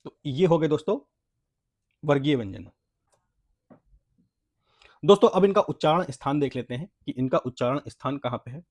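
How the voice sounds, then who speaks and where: A man teaching an exam-prep language lesson, sounding out syllables slowly and asking and answering his own questions. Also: a little high, expressive, darkish tone, no room sound, studio quality. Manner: repeats points, asks and answers own questions, says "friends" often; spells out syllables slowly for practice.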